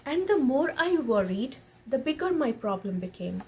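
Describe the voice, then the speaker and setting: A parent with a high voice reads a picture book aloud expressively to her child, pausing to explain and ask questions, with casual asides to the child and viewers. The background is noticeably noisy.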